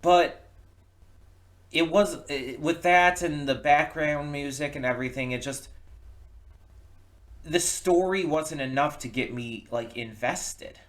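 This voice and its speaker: A man hosts a reaction video, offering casual opinion commentary in a slightly high voice. He speaks haltingly and often restarts his words.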